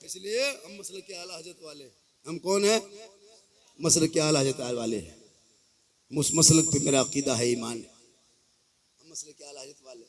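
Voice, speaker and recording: A high-pitched Islamic preacher in his fifties with a Jharkhand Hindi accent delivers a sermon to a crowd through a microphone and loudspeaker system. He moves from quiet reasoning to shouted, sung declamation, peppered with humorous rhetorical questions.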